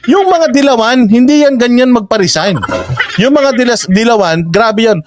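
High-voiced sarcastic male commentator. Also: animated, moderate pace, noisy background. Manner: sarcastic, argumentative. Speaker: political commentator. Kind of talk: casual political commentary.

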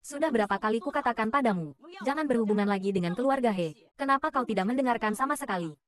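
A woman's voice: a little high, quick pace. A woman dubbing a short drama, voicing all the roles in her own everyday voice. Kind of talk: dubbed short drama dialogue.

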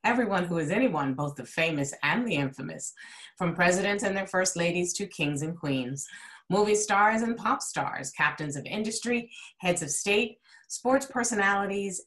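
A woman's voice: lowish voice, expressive, normal speed, a bit bright. A woman hosting an interview over a video call, polished and gracious, asking questions with emphasis. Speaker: talk show host, interviewer.

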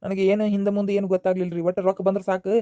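A man's voice: high voice, completely flat delivery, fast, mellow, smooth, no echo, studio quality, close to an everyday voice. A man voicing a young jobless groom caught lying, pleading and rambling politely in a North Karnataka accent. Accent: North Karnataka Kannada.

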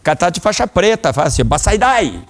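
A middle-aged man with a Brazilian Portuguese accent teaches a children's karate class in a training hall, calling out commands and explaining techniques. His voice sits high, and he moves at a moderate pace. He coaches the kids in a lively way, as their karate instructor.

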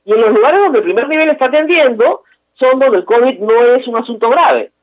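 A woman's voice: sits high, animated, fairly quick. Emphatic woman commentator on a tinny phone line. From Peru. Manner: emphatic, repeats key words for stress. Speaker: political talk show host. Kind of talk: opinionated commentary on a call.

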